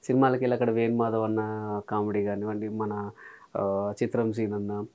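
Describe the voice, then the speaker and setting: Fast-talking comedian telling stories. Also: male voice, fairly low pitch, phone-quality sound. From Telangana, India. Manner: lively storyteller, quick, acts out quoted lines. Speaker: comedian and mimicry artist, interview guest. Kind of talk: casual interview chat.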